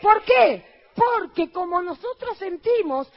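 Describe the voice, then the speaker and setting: A woman pastor with an Argentine accent preaching a lively sermon to her congregation, firing rhetorical questions at them and mimicking the people she quotes in a low, mocking voice. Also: slow pace, dull audio. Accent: Argentine Spanish.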